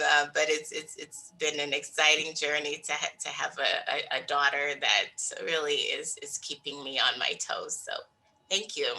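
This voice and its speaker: A public health director from Niger speaks on a panel in a hesitant way, full of fillers. Her voice is very low yet bright and forceful. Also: rough recording. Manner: hesitant, many fillers and restarts. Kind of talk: panel introduction.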